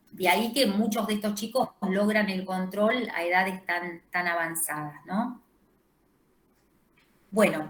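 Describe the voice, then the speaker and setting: A woman's voice: mid-range voice, reverberant, low-quality recording. A woman lecturer with a Rioplatense Spanish accent giving an online class, explaining with frequent hesitations and fillers. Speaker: university lecturer.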